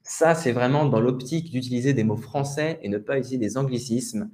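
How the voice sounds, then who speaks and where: A man teaching a live webinar lesson, relaxed and chatty, often laughing. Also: medium pitch, a little fast. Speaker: French teacher.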